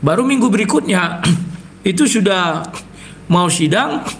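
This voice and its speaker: Scornful male live-stream host, high and gravelly, blunt casual talk. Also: animated, measured pace, a little hiss or hum. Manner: scornful, blunt, clears throat often.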